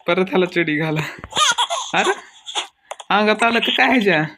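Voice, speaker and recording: A young man with a gravelly, fry-edged voice rattles off excitable, crude, comic gameplay commentary. He scolds and exclaims at the screen constantly. Steady background noise sits under his voice. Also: high-pitched, moderate pace.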